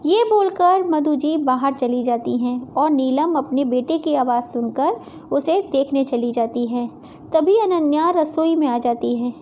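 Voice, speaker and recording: A woman narrating a family moral story in a plain, clear storytelling manner. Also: high voice, warm tone, slight background noise.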